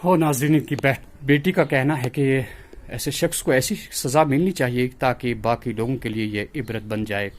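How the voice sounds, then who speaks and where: A man's voice: mid-range voice, normal speed, slight background noise. A man reporting in the field as a news reporter, speaking formally and measuredly.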